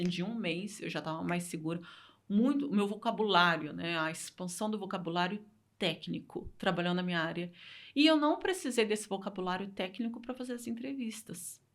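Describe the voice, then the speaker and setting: A Brazilian woman with a medium-pitched voice speaks Portuguese in a Brazilian accent. As a guest in a casual interview, she tells her story earnestly and repeats phrases for emphasis.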